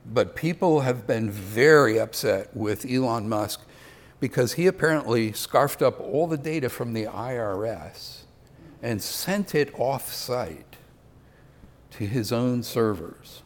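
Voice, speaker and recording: A man's voice: medium pitch, lively intonation, slow pace. An older man giving a conversational sermon, with self-deprecating asides. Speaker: preacher.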